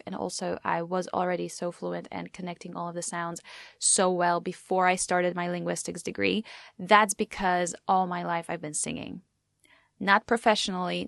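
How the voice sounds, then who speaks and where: A young woman radio show host whose first language is Polish tells her story in a personal storytelling vlog, chatty and full of "like" and restarts. Her mid-range voice is creaky and fairly bright, recorded dry with clean studio sound.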